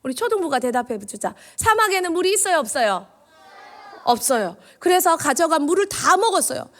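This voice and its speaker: A woman, a children's minister giving an animated sermon in church and quizzing the children with questions. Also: extremely high pitch, a little fast.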